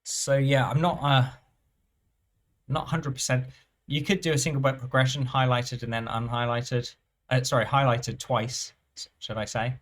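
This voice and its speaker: A man giving thinking-aloud commentary over live roulette play, musing and unhurried, often trailing off and restarting his phrases. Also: mid-range voice, level tone. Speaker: roulette strategy presenter.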